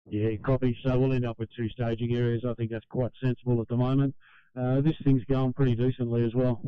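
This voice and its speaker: A man's voice: mid-range voice, flat delivery, a little fast, smooth, dry recording. An Australian man, a fire crew group leader, giving practical reports over two-way radio. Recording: slightly muffled, dry two-way radio.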